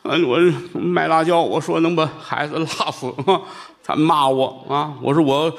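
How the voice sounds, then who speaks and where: A man's voice: on the high side, steady tone, unhurried, gravelly, pitched above the performer's own voice. A man playing a whiny foolish peddler. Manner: whining, complaining. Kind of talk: traditional storytelling comedy.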